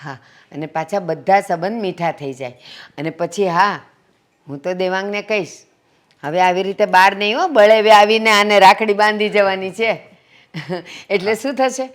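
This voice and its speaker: A woman's voice: medium pitch, normal speed, close to an everyday voice. A woman playing an earnest older mother. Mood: calm persuading. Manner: earnest, scolding when roused. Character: older mother, peacemaking, sternly lecturing head of family. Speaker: family matriarch. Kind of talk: family drama acting.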